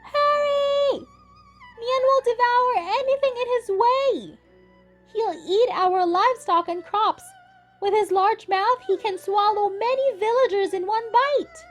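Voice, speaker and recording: A woman narrator voicing a frantic village mother who yells urgent warnings in a shrill, strained voice. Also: slow, faint music behind.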